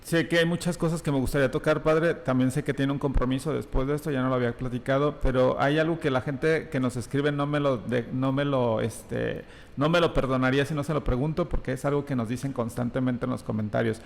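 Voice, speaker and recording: Gravelly Mexican interview host. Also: male voice, mid-range voice, steady tone, brisk. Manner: hesitant, many fillers and restarts. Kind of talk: interview questions. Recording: reverberant room.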